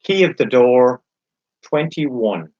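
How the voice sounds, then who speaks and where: A man calling bingo, announcing each number in a measured, formulaic way, digit by digit and then in full. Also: medium pitch, animated, darkish tone. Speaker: bingo caller and host. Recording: dull, lo-fi sound.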